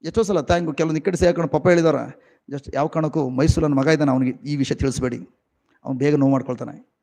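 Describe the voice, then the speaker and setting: A middle-aged man with a Kannada accent preaching a sermon, his delivery swinging between loud exclamations and quiet musing. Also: a little high, steady tone, quick pace. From India.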